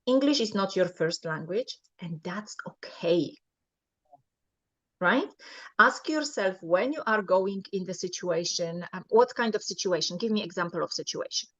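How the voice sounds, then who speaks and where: An unhurried Polish woman with a fairly low voice and a Polish accent shares coaching advice in an interview. She comes across as earnest and regularly asks "right?", though the lo-fi recording is muffled.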